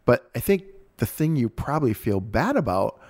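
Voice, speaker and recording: A man's voice: mid-range voice, sing-song, normal speed, a little mellow. A man hosting a casual conversation, reacting thoughtfully and musing on what his guest said.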